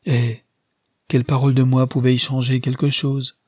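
A man voicing a gentle, sorrowful old man in an audiobook reading. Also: mid-range voice, flat delivery, breathy edge, no room sound, clean studio sound, lightly acted. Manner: sorrowful, measured.

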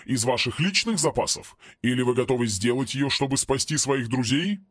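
A man's voice: mid-range voice, lively intonation, normal speed, a bit bright, no echo, clean studio sound. A man reading an audiobook and voicing an exasperated, sarcastic male investigator who scolds everyone around him. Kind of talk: audiobook character voice.

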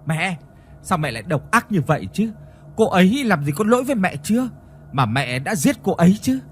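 A man's voice: on the high side, very animated, normal speed, a little hiss or hum. Man doing a heartbroken young villager, Toàn. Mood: upset.

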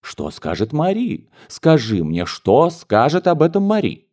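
A man's voice: a little high, wildly swooping pitch, a little slow, a little mellow, voice pushed up, heavily acted. A man voicing a flustered middle-aged mother who frets and stumbles over her words. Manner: fretful, hesitant, flustered.

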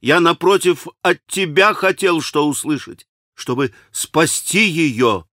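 A male reader voices a gentle young man who pleads earnestly. The delivery is soft and sincere, often lifting higher than the narration. The recording is dry and close. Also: expressive, slow pace, no room sound, heavily acted. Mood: fervent.

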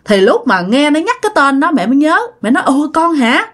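A woman's voice: high-pitched, very animated, fast talker. Chatty Southern Vietnamese woman storyteller. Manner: chatty, addresses listeners directly. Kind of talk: casual ghost-story narration.

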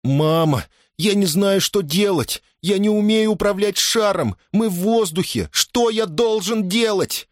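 A male narrator voicing a frightened young boy who shouts for his mother in a spoken story. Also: high-pitched, a little slow, hardly any pauses, no room sound, studio quality, pitched above the performer's own voice. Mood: panicked. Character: panicked young boy in a rising balloon.

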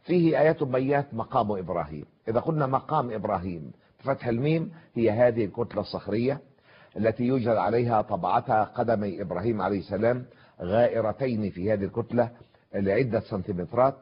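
An older man giving a formal televised religious lecture, reciting verses in a measured way and pausing with drawn-out fillers. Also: fairly low pitch, breathy edge. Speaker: scholar giving a televised Quran commentary. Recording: dull lo-fi broadcast audio.

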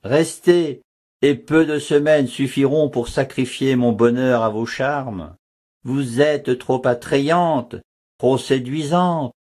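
A man reading the lines of a grave, measured monk prior in an audiobook. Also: medium pitch, steady tone, darkish tone. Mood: earnest. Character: grave male monk prior, torn and firm.

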